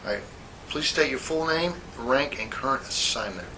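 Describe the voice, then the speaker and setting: On an old interrogation tape with faint hiss and poor audio, a male internal affairs sergeant takes a witness's sworn statement in an interview room. He reads formal statements in a measured, procedural way, though his mid-range voice carries lively intonation and a sharp tone.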